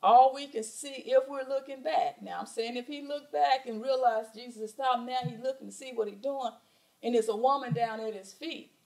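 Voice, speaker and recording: Middle-aged Southern woman preacher, fairly high voice, pulpit mic in a church, emphatic and repetitive. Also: moderate pace, vocal fry, poor audio. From southern United States. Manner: animated preaching with rhetorical questions and emphatic repetition. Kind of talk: sermon. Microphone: pulpit microphone.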